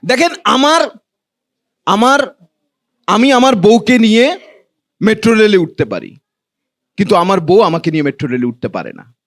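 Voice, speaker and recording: A man's voice: high-pitched, sing-song, moderate pace, pauses often, fairly bright tone. A man with a Bangladeshi accent performing stand-up comedy to a live audience, with colloquial, teasing banter. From Noakhali, Bangladesh.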